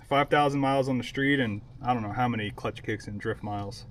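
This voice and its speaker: A young man chatting casually while working on a car in his garage, excited and swearing often. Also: medium pitch, fairly quick. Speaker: car builder vlogger.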